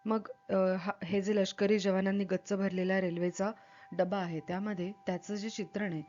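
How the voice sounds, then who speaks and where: A woman reading a novel aloud with expressive, dramatic delivery, then explaining it as a literature teacher. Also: medium pitch, moderate pace, highs cut off, slight background noise.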